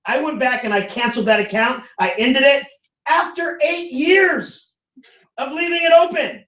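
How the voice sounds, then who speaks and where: A man from the United States teaching a class, animated and acting out the voices he quotes. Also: extremely high pitch, normal speed. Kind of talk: classroom lecture. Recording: echoey classroom from far off.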